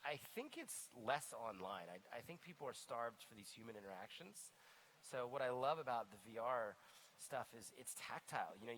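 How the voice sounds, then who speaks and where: A man's voice: mid-range voice, a bit bright, slight background noise, poor audio. A man in his forties, a charity founder talking earnestly on a conference stage, restarting phrases and saying "you know" often. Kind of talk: casual stage conversation. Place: conference stage before an audience.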